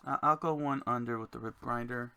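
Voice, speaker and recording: A man designing a card game, thinking aloud to himself in a slow, musing way as he works. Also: medium pitch, gravelly, pushed and bright, clear, resonant tone.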